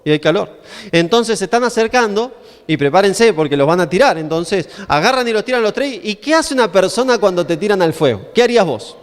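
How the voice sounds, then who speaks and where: A man preaching a lively, joking sermon, often asking his audience questions. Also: high-pitched, brisk. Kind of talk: humorous storytelling sermon. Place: conference hall. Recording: long reverb in a conference hall.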